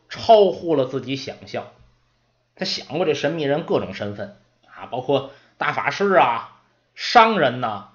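A man telling a story in chatty storyteller style with lively asides. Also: a little high, lo-fi sound.

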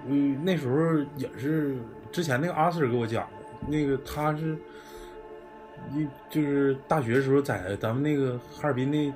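A man's voice: mid-range voice, normal speed, a little mellow, faint music behind. A man with a Northeastern Chinese accent telling a true ghost story in casual podcast chat, blunt and swearing freely.

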